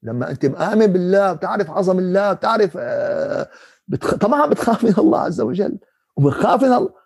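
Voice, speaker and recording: Lively Levantine sheikh asking rhetorical questions. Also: male voice, sits high, vocal fry, husky. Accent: Levantine Arabic. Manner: animated, rhetorical questions to the audience; recites Quran verses slowly. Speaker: sheikh giving Quran commentary. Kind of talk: sermon-style Quran commentary.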